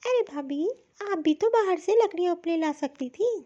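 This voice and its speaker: A woman's voice: very high voice, expressive, moderate pace, mellow, lo-fi sound. A woman voicing a spoiled, demanding young married daughter with a whiny way of talking in a cartoon.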